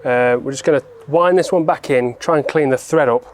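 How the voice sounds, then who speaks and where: A man's voice: mid-range voice, brisk, a little hiss or hum. Man giving casual hands-on repair narration. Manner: informal, explaining step by step. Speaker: presenter of a car repair vlog.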